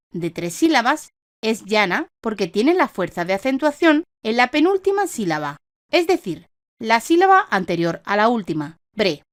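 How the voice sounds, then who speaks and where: A woman reading a scripted instructional lesson in a measured, didactic way, stressing each example word. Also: medium pitch, no echo, studio quality. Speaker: online course narrator.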